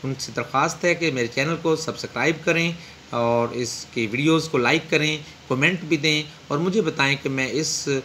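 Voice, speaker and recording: A man teaching an English textbook lesson, reading English slowly and explaining in Urdu with frequent pauses. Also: on the high side, bright, forceful tone, a little hiss or hum.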